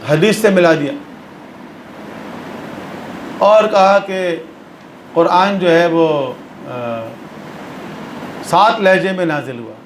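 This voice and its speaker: A man's voice: sits high, pauses often, echoey room, a little hiss or hum, poor audio. A man giving a religious lesson. He explains patiently and repeats phrases for emphasis. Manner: explanatory, mixes English terms into speech. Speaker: religious lecturer.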